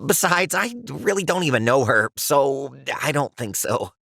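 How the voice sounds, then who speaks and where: A nervous young pen from a cartoon, stammering and doubting himself. His bright voice leaps up and down in pitch, heard close and dry. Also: expressive, a little slow, vocal fry, no echo, full character voice. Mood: dejected. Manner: stammering, anxious. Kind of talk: animated cartoon voice acting.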